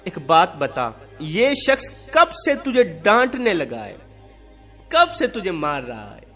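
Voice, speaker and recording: A man's voice: sits high, wildly swooping pitch, sharp tone, soft background music, heavily acted. A man voicing a dignified leader who sternly questions a quarreling couple in a sermon story.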